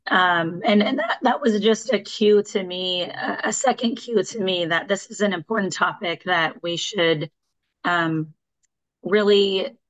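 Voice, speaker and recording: Hoarse woman presenting with many ums. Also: medium pitch, unhurried, fairly bright tone, low-quality recording. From Washington state. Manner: hesitant, many ums and restarts. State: losing her voice. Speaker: real estate agent presenter. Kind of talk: online meeting presentation.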